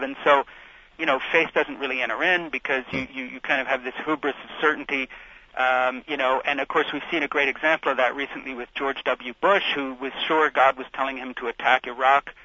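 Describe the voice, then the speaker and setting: A middle-aged man from Switzerland talks as a guest author on a radio interview. His voice is bright and forceful, and he talks in a thoughtful, rambling way with many restarts. The sound is dull and lo-fi, like old radio. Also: medium pitch, slight background noise.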